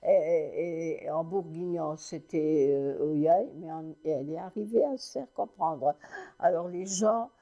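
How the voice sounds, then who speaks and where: Old lady in her 90s telling memories, keeps restarting, lowish mellow voice. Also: lo-fi sound. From Lorraine, France. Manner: halting storytelling with many restarts. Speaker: interviewee recounting family memories. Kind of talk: oral history recollection.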